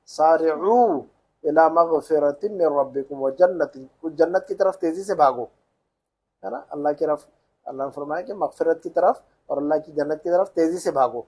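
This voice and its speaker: A man's voice: fairly high pitch, mellow, husky. Patient man teaching Arabic reading. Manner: patient, slow drilling of pronunciation and grammar. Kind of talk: language lesson.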